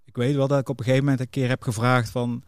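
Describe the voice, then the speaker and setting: A man's voice: medium pitch, little pitch movement, racing, clear, resonant tone, no room sound, studio quality. Middelbare man, losse verteltrant, droge opname. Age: middle-aged. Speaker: podcast guest, music booker. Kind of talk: casual interview, telling career anecdotes.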